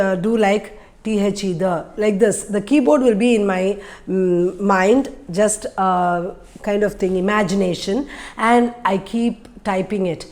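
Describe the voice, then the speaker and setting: A woman's voice: mid-range voice, darkish tone. Middle-aged Indian-accented woman teaching, emphatic. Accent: Indian English. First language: an Indian language. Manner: didactic, emphatic, repeats key points. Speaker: English teacher giving learning tips. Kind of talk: informal spoken lesson to camera. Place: small room indoors.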